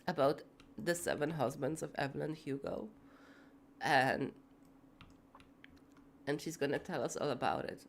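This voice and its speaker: While live-streaming a build in a city game, a woman with a low-pitched voice sounds sick with fever, congested, her voice giving out. She rambles with lots of fillers and casual swearing, over slight background noise.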